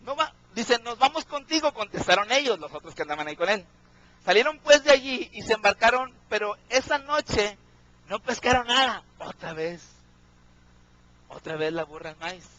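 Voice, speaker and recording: A man's voice: high voice, lively intonation, moderate pace, bright, forceful tone, no room sound, rough recording. A man preaching a sermon, often asking his congregation questions and checking in with them.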